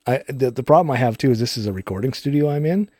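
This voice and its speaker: A man's voice: mid-range voice, expressive, fast talker, a little mellow, no room sound. A man chatting casually as he hosts a live game stream, rambling through technical explanations, his voice heavily compressed on a studio microphone. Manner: rambling, explains technical details while playing. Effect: audio compressor on voice. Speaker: live-streaming gamer and host. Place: recording studio. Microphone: studio microphones through a multichannel input.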